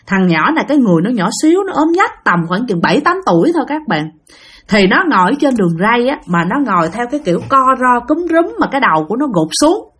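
A woman with a Southern Vietnamese accent and a slightly high, fairly bright voice hosts casual spoken ghost-story narration. Chatty and relaxed, she often speaks straight to her listeners.

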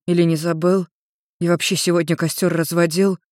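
A woman with a lowish, slightly mellow voice speaks briskly and flatly as she voices a carefree, centuries-old male demon in a storybook. The light acting sounds breezy, joking, and scatterbrained, and the studio recording is clean with no echo.

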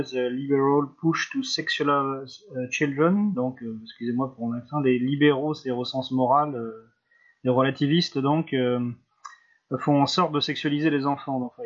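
A man in a casual podcast discussion, explaining things hesitantly and politely. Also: medium pitch. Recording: dull lo-fi audio.

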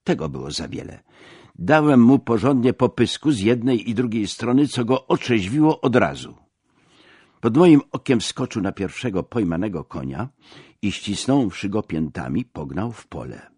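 A man's voice: on the low side, lively intonation, moderate pace, darkish tone, husky, dry recording, clean studio sound. A man narrating an audiobook, telling the story expressively and dramatically.

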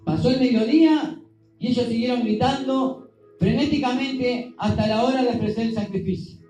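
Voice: medium pitch, normal speed, dark tone. A preacher preaches in an easygoing, conversational way, often stopping to put questions to the congregation. The voice echoes in a roomy church room, with faint music behind it. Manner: conversational, asks the congregation questions, acts out scenes. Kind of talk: sermon.

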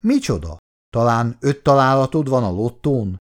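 A man's voice: mid-range voice, lively intonation, lightly acted. A man playing a hearty, bossy old father. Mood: impatient. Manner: hearty, commanding.

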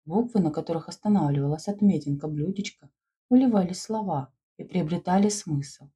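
A woman reading a story aloud in expressive storybook narration. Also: fairly low pitch, brisk, husky. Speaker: audiobook narrator.

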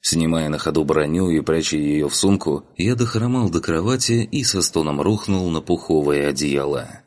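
A man's voice: extremely low pitch, lively intonation, moderate pace, darkish tone. A man narrating an audiobook in a wry first-person storytelling manner.

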